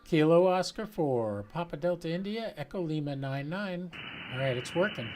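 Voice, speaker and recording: Operating a ham radio, a man keeps up a casual running commentary, reasoning out loud step by step. His voice is a little high with lively intonation and normal speed, and the audio carries heavy radio hiss, static and background chatter.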